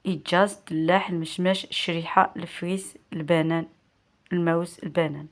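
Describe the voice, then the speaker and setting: Woman, Moroccan accent, language teacher, word lists, lowish voice, careful repetition. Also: steady tone. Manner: slow, clear, repeats each word with its standard equivalent. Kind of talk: vocabulary lesson, reading word lists.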